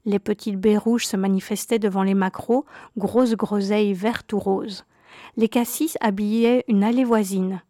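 A woman narrating a childhood memoir story in a calm, measured reading voice. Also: medium pitch, no room sound, clean studio sound.

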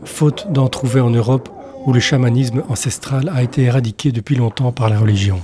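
Calm male documentary narrator. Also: medium pitch, fairly quick, heavy background noise. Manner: calm, explanatory. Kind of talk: scripted narration. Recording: over clear music.

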